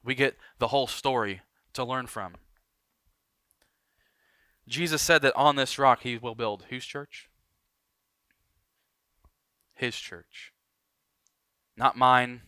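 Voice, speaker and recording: A man preaching a sermon as pastor, emphatic and building, then dropping to quiet lines for weight. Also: on the low side, clear, resonant tone, no echo, studio quality.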